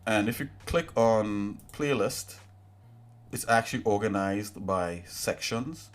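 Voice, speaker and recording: Talking slowly in a lowish voice, a Trinidad and Tobago livestream host walks viewers through a relaxed tutorial from home. He rambles and addresses his audience directly as he goes.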